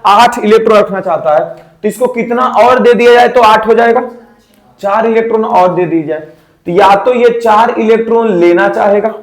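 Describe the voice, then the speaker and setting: A man teaching a chemistry lesson, asking questions and answering them himself, repeating key terms. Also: sits high. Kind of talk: classroom-style chemistry lesson. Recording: echoey room.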